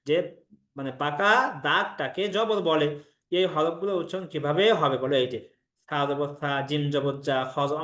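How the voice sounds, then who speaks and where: A man with a slightly high, fairly bright voice gives an instructional explanation of a reading course in an echoey room. He teaches patiently step by step, drilling letter sounds in a chanting rhythm.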